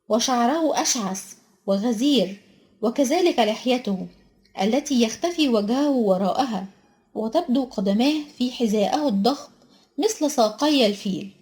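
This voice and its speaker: A woman narrating a children's storybook in a simple, clear reading style. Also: on the high side, a little mellow.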